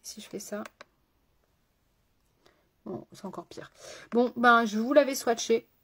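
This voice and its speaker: A woman's voice: on the high side, steady tone, slow pace, fairly bright tone, slight background noise. A woman makeup artist chatting through a live makeup tutorial, talking straight to her viewers with rambling asides.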